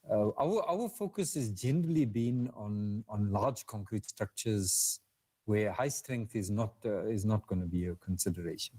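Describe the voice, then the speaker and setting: A man with a South African English accent lecturing over a video call, his voice mellow and dark. He speaks haltingly, with fillers and repeated words as he works through technical answers. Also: fairly low pitch. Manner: hesitant, with frequent fillers and restarts. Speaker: guest speaker. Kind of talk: webinar lecture and Q&A.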